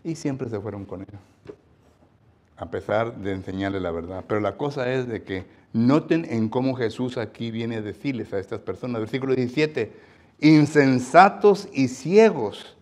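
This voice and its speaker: A man with a Mexican Spanish accent preaching a sermon, talking in a chatty way with frequent tag questions and loud stressed emphasis on scripture. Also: on the low side, normal speed.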